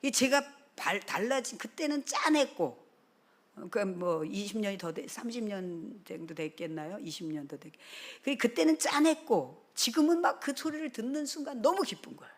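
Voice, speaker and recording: A middle-aged woman pastor preaching a sermon, telling stories with lively acted-out dialogue, sometimes dropping to a whisper and then rising loud. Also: medium pitch, moderate pace. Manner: animated storytelling, acts out dialogue, drops to a whisper and then bursts loud.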